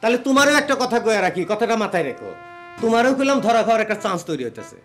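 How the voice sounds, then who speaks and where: Middle-aged village father, belligerent drunk, sarcastic, rural Bangladeshi accent, high animated pitch, comic TV drama. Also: rapid-fire, faint music behind, full character voice.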